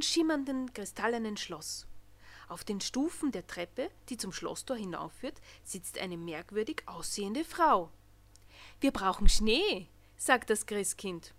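A woman reads a children's Christmas story aloud. Her voice sits a little high, and she narrates in an expressive, gentle way. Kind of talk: storybook reading.

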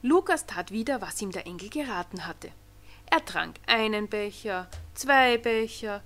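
A woman reading a Christmas storybook aloud in an expressive storytelling manner. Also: fairly high pitch. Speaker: narrator.

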